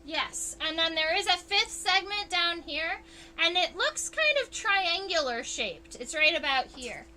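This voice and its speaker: Chatty woman science streamer, high-pitched and unhurried, faint hiss behind. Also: sing-song, sharp tone. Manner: chatty, unhurried, reads chat aloud. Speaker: entomologist livestream host. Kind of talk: casual livestream teaching.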